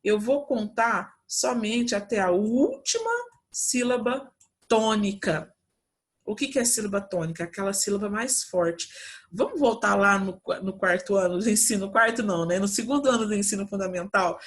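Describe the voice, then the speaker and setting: A Brazilian woman teacher talks her students through a lesson from her home. She explains patiently and step by step, often pausing to check that they follow. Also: mid-range voice, lively intonation. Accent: Brazilian Portuguese. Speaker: Portuguese teacher. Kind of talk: remote class from home.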